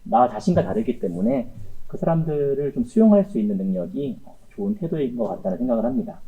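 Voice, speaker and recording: A man, a guest travel writer, calmly explaining his advice point by point in an interview. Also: a little high, quick pace, vocal fry, roomy sound, far from the mic, narrow, tinny audio. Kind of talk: interview answers, advice to youth.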